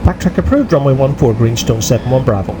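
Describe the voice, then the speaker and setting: A man's voice: mid-range voice, expressive, quick pace, heavy background noise. A middle-aged man making clipped, formal pilot radio calls into a headset microphone.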